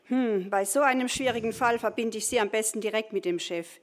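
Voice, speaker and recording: An actress playing a polite, businesslike career-planning clerk in a customer service voice, in a comedy sketch. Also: female voice, on the high side, a little fast, lightly acted. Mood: polite, helpful. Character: polite female career-planning clerk at God's call centre. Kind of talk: scripted comedy sketch, phone hotline.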